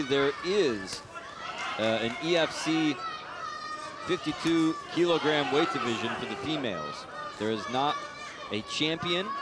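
A man's voice: medium pitch, very noisy. A man giving dramatic, emphatic MMA commentary as a ringside commentator.

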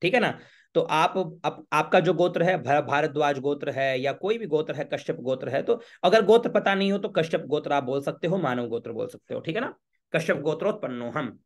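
A man, a priest teaching a home worship ritual step by step, chanting Sanskrit lines slowly and checking with the listener often. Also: on the high side, expressive. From Rajasthan, India. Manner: patient, repeats checks like "okay?".

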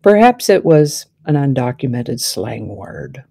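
A woman with a gravelly, darkish voice runs through a scripted daily history segment. She mixes her reading with chatty, wry asides and stretches words out for emphasis. The sound is close and dry, with no room around it. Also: very deep voice, very animated, a little slow, warm tone, no echo. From Texas. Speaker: host.

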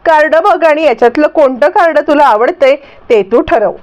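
A woman's voice: high-pitched, lively intonation, darkish tone. Cunning, pushy middle-aged woman read by a woman. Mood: coaxing. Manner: coaxing, hurried. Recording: dull lo-fi recording.

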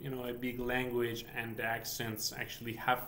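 Here a game developer vlogger, an Iranian man in his thirties with a Persian accent, hosts a relaxed screen-share walkthrough in English, his second language, stumbling through fillers and restarts. His mid-range voice is monotone and sharp at a moderate pace, recorded indoors in a home office with a little hiss or hum.

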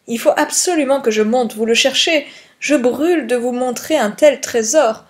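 A woman's voice: high voice, moderate pace, close to an everyday voice. A woman reading a gushing rich lady. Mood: boastful. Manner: effusive, boastful.

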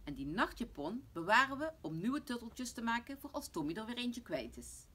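A woman voicing a calm, practical father in a bedtime storybook reading, talking firmly and reassuringly. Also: a little high, moderate pace, breathy edge, pitched above the performer's own voice, full character voice. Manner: firm, reassuring.

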